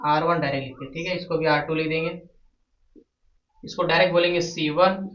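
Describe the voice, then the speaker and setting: A man's voice: a little high, fairly even intonation, fairly quick, fairly bright tone. A man teaching a math lesson at a board, asking his own questions and answering them. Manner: repeats questions to the class and answers them himself. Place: classroom with a board. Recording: echoey room, from a distance, dull lo-fi sound.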